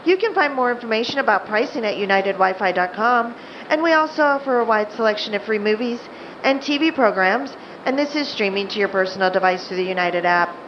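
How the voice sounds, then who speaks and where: A woman giving a plane cabin announcement over the PA loudspeaker, chatty and a little loose with her phrasing. The sound is muffled and lo-fi, with a faint hum of the aircraft cabin behind her. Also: fairly high pitch, expressive, fairly quick. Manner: loose, chatty delivery with added fillers. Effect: cabin public-address loudspeaker. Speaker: flight attendant. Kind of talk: in-flight PA announcement. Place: airplane cabin.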